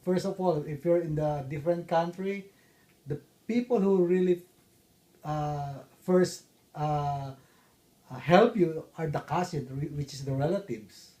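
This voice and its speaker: Halting middle-aged man. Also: fairly high pitch, warm tone. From Philippines. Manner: halting, many fillers and restarts. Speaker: interviewee, father. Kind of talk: casual interview answers.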